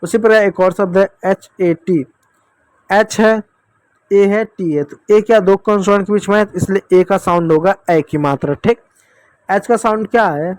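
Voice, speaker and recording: A man's voice: high-pitched, moderate pace, a little mellow, no echo. A man teaching children English phonics, patiently asking questions and answering them himself. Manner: repeatedly addresses kids as dear children.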